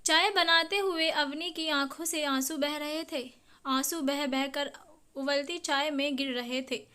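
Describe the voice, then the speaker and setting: High-voiced woman reading a family story. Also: fairly even intonation, measured pace, bright, forceful tone. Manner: reads every character's lines in her own voice, reading the speaker names aloud. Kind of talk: scripted story narration.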